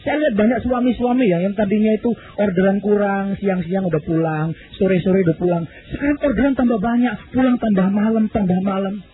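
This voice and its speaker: High-pitched preacher guy acting out a story, very animated, tinny lo-fi audio with a little hiss. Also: a little fast, hardly any pauses. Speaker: pastor. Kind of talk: sermon storytelling.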